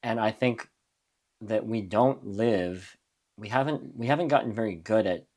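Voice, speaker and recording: Sounding fairly low-pitched and darkish, a young man from New Mexico, USA, talks as a musician guest in a relaxed interview. He reflects as he speaks, hesitating and starting his sentences over frequently.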